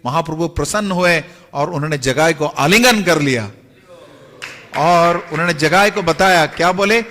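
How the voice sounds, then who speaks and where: A man's voice: on the high side, normal speed, sharp tone, slight background noise. A man giving a devotional story sermon in a temple hall, retelling tales and chanting verses between his explanations. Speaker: religious storyteller. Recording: echoey hall.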